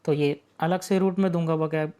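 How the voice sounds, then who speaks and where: A man's voice: a little high, fairly even intonation, normal speed, dark tone, clear, resonant tone. A man teaching an online exam-prep vocabulary lesson, patiently explaining words, asking rhetorical questions and constantly checking in with his students.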